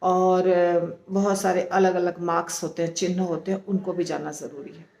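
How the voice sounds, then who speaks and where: A woman's voice: lowish voice, little pitch movement, darkish tone, reverberant. A woman teaching scripture and carefully explaining how to pronounce each word of a verse, breaking long words into syllables. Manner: slow, deliberate, spells out syllables.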